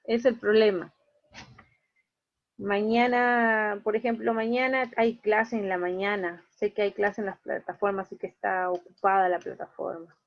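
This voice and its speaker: An online teacher with a medium-pitched voice reviews her students' grades one after another, calmly explaining the reason for each mark. The recording has its highs cut off and carries a little hiss or hum.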